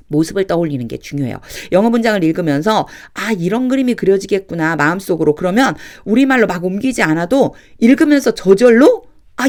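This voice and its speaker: A woman teaching a lesson on reading the English Bible, explaining grammar patiently and reading verses aloud slowly, phrase by phrase. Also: on the low side, darkish tone. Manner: patient, repeats and breaks sentences into chunks; reads English lines very slowly and deliberately.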